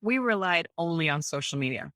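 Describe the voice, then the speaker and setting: Animated woman interviewee, storytelling, slightly low voice, dry room. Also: a little fast, dry recording. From United States. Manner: animated, acts out voices in anecdotes, laughs often. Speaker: guest, home bakery owner.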